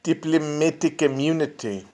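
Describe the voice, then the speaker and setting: Alone at home in front of a phone or computer, a podcast host answers his livestream chat in a casual, rambling way, swearing, restarting, and trailing off into asides. His voice is fairly high, mellow, and moves at a normal speed.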